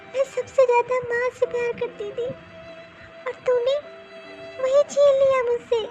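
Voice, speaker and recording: A woman's voice: extremely high pitch, fairly even intonation, takes it slowly, darkish tone, soft background music, low-quality recording. A woman voicing a grieving young married daughter-in-law in a cartoon, talking in a tearful, mournful way. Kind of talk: cartoon voice acting.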